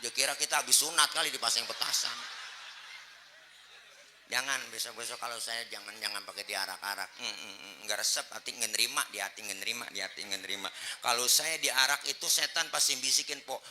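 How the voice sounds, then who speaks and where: Bright-voiced comic preacher. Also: male voice, medium pitch, a little fast, slight background noise. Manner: animated storytelling, acting out voices, joking with audience. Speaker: Islamic preacher. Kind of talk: lively comic sermon.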